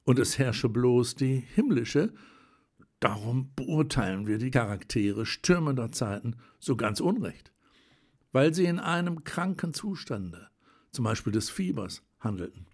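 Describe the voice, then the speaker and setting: A man narrating an audiobook with a steady, deliberate reading. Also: mid-range voice.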